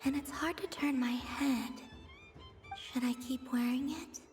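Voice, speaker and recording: A fairly high, soft voice playing a reserved young goddess in a video game. She sounds earnest and gently curious, with light music behind her. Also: a little slow. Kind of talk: video game character acting.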